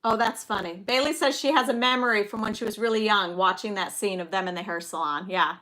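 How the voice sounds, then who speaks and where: A woman's voice: mid-range voice, a little fast, bright, forceful tone. A middle-aged woman hosting a casual livestream, chatty and enthusiastic, cheering viewers on by name. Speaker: livestream host. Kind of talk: casual live chat, reading movie quotes.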